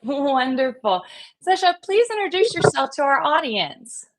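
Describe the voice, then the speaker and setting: A woman's voice: high-pitched, sing-song, a little slow. Upbeat woman hosting a live stream. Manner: upbeat, welcoming. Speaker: host.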